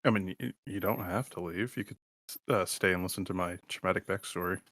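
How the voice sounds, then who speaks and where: A man playing a tabletop role-play game, joking in a deadpan way with hesitant fillers. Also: deep voice, fast, dry recording, clean studio sound. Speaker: player.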